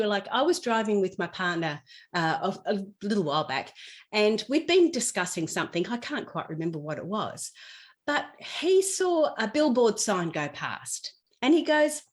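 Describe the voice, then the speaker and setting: At an average pitch for a woman, this speaker talks at normal speed but very animatedly. As a podcast guest would, she explains in a conversational teaching style, illustrating her points with personal stories and everyday examples.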